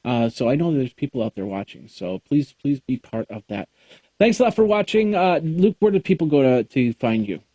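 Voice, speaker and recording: A man's voice: medium pitch, lively intonation, normal speed, hardly any pauses, warm tone, no room sound. A man hosting a tech podcast, wrapping up the show in casual, rambling, jokey chat full of fillers. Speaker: podcast host.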